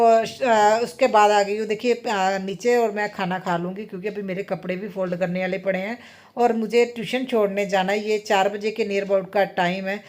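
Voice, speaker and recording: A woman's voice: mid-range voice, a little mellow. A woman in her thirties chatting casually in a home vlog, rambling and often adding tag questions. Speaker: vlogger and mother.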